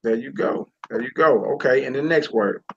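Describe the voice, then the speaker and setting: A man's voice: mid-range voice, normal speed, highs cut off, a little hiss or hum. A man teaching a Hebrew reading lesson, encouraging his student and repeating words and phrases.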